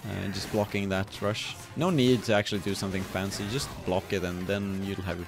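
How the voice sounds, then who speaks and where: A man casting a fighting game tournament in a relaxed, chatty way, with many fillers and frequent chuckles. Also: sits low, a little fast, vocal fry. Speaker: esports caster. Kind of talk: casual game commentary. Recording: music playing behind.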